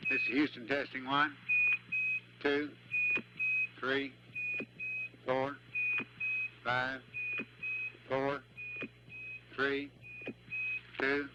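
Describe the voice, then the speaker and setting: A man's voice: medium pitch, little pitch movement, very slow, pauses often, muffled recording. A man working as a communications controller, giving clipped check calls over the radio like a pilot. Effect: radio transmission. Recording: very noisy, beeping radio loop.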